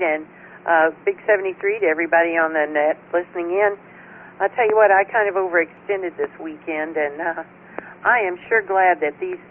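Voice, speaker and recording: A woman's voice: fairly low pitch, narrow, tinny audio. A woman checking in on an amateur radio net, chatting in a folksy, familiar storytelling way over two-way radio. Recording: thin radio transmission with faint static.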